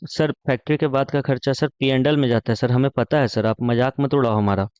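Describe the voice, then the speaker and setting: A man's voice: medium pitch, fairly even intonation, a little fast, darkish tone, clean tone, no echo, highs cut off, lightly acted. A man voicing his own cheeky class of pupils, who answer and tease their teacher. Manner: cheeky, pleading with sir.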